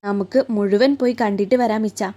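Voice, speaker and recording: A woman's voice: mid-range voice, fairly even intonation, fairly quick, warm tone, close to an everyday voice. A woman reading an audio love story, voicing a playful young woman who coaxes her husband affectionately. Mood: coaxing. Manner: coaxing, affectionate.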